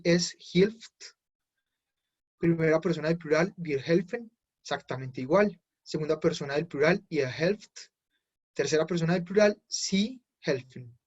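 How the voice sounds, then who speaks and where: A husky, fairly high-voiced man, teaching German grammar step by step to a class. The sound is dull and muffled. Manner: explains step by step, switching between Spanish and German drills. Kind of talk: online class explanation.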